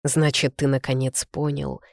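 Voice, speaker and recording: A reader voicing a shrewd, stern old man with a cane, measured and coolly authoritative. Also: medium pitch, level tone, creaky, no room sound, clean studio sound, close to an everyday voice.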